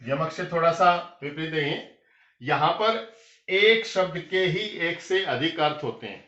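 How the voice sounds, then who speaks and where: A man teaching a grammar lesson for exam preparation, explaining step by step and slowing down to recite lines of verse. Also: a little high, lively intonation, bright, forceful tone. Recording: echoey room, dull lo-fi sound.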